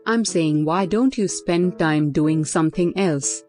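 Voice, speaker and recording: A woman's voice: lowish voice, unhurried, a little mellow, faint music behind, natural voice. Woman voicing a sassy foul-mouthed robot. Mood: dismissive. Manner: mocking, blunt, profane. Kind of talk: comedy skit.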